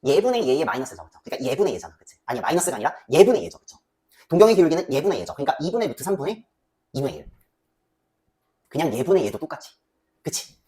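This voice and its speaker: Brisk, animated woman teaching math. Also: low voice. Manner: chatty, asks students frequent checking questions; voices student replies herself. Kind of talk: casual lecture.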